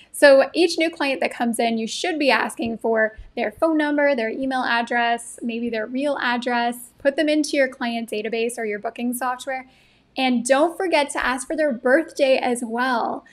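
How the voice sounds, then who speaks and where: A woman in her thirties giving an upbeat, friendly marketing tutorial straight to camera, indoors. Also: high voice. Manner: upbeat, friendly, gestures with her hands while explaining. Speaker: marketing coach for beauty professionals. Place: indoor room with a painting behind.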